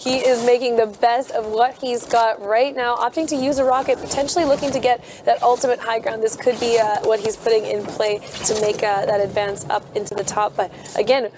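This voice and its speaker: A woman giving live play-by-play esports commentary, energetic and quick with analytical calls, laughing easily. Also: a little high, noisy background. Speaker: esports caster.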